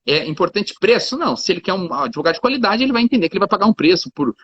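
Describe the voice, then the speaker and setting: A man with a husky, slightly high voice talks casually as a guest. He explains ideas through examples, leaning on fillers like "cara" and "né". The recording is dry and dull, with a lo-fi sound. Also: very animated, rapid-fire, fairly bright tone, dry recording. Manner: talkative, explains with examples, fillers like 'cara' and 'né'. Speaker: lawyer, guest. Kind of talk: casual conversation.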